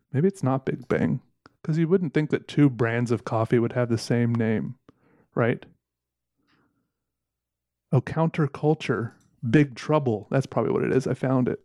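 A man's voice: medium pitch, mellow, no room sound, clean studio sound. A man chatting casually into a microphone as a solo podcast host, rambling, correcting himself and musing with wry humor. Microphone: close microphone.

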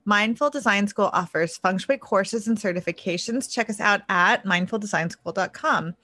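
A woman co-hosting a podcast who reads the scripted intro briskly, then chats casually. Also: mid-range voice, pushed and bright, no room sound. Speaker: podcast co-host.

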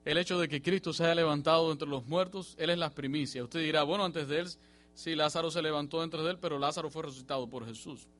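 A man preaching a sermon in a church, swinging from emphatic rising bursts to quiet, low passages. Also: steady tone, fast talker. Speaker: pastor.

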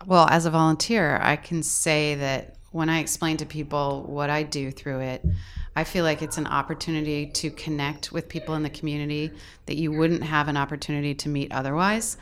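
A woman with a very low voice speaks as a volunteer mentor in an interview. She talks in a measured, thoughtful way, and there is a faint noise in the background. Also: flat delivery. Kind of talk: casual interview talk.

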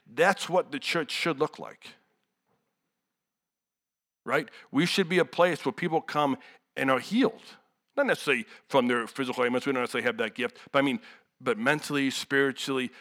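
A man's voice: mid-range voice, a bit bright. Man preaching a conversational sermon. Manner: conversational, candid, with asides and rhetorical questions.

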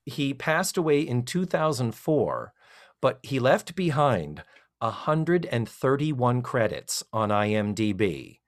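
Middle-aged co-host, animated and rambling, acts out quotes with a lively, swinging pitch. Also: slow pace. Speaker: podcast co-host. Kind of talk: casual chat recapping a TV episode.

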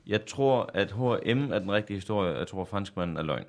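A man's voice: on the low side, animated, creaky. A man playing as contestant on a casual podcast quiz, asking dry, teasing questions.

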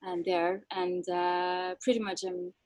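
Woman, Japanese accent, native Japanese speaker, guest musician, soft-spoken, halting, dry close sound. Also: fairly low pitch, level tone, no room sound, poor audio. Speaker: guest violinist. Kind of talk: casual interview chat.

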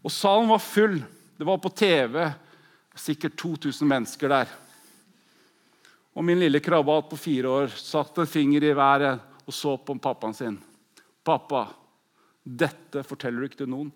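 A man in his forties delivering a pentecostal sermon at a conference, with a fairly high voice. He preaches fervently, jumping from loud, eager exclamations to soft, hushed prayer. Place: large conference hall.

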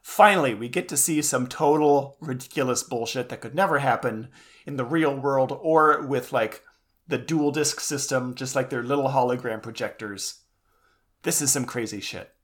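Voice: medium pitch, normal speed, a bit bright. A podcast co-host in casual chat, ranting animatedly and swearing for laughs.

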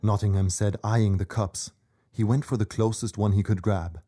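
A man's voice: on the low side, steady tone, normal speed, warm tone. A man narrating a scripted children's story as the storyteller.

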